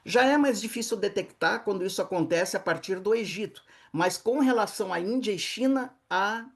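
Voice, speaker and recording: A speaker with a Brazilian Portuguese accent, a tour leader giving an online slide lecture to travelers, explaining patiently and often checking in with tag questions. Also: mid-range voice. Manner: patient, repeats words slowly for practice.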